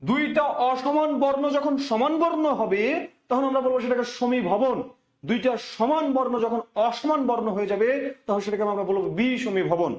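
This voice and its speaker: A man with a very high voice gives an exam revision lecture. He drills each point by repeating it and answers his own questions as he goes. The room has a noticeable echo. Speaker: teacher.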